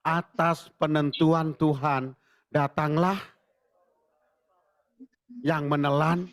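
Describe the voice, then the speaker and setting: A male pastor preaching a sermon in a lively way, acting out voices and sometimes shouting. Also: fairly high pitch, drawn-out words, no echo. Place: church service.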